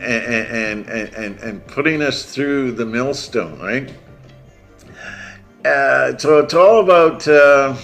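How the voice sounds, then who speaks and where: A man talking in a rambling, animated monologue, with scornful asides and many restarts. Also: mid-range voice. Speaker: channel host.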